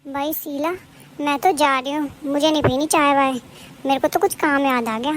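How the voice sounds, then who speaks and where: A sharp-tongued middle-aged neighbor aunt, played by a woman in a home-drama cartoon. Her voice sits very high and thin, and she scolds and grumbles in a steady nagging manner. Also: moderate pace, slight background noise, close to an everyday voice. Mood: scolding. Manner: scolding, complaining. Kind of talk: animated cartoon voice acting.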